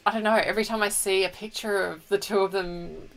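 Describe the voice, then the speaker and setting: A woman co-hosting a fan podcast, talking in a bubbly, gushing way. Her chat is loose and excited, full of enthusiastic asides. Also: mid-range voice, brisk. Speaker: podcast co-host. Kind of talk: casual chat.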